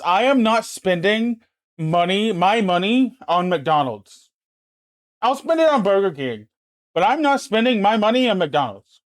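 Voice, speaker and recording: A man's voice: high voice, no echo, clean studio sound. A man hosting a livestream, chatting casually and ranting with emphatic, profane complaints into a desk mic. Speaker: livestream host. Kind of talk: casual chat.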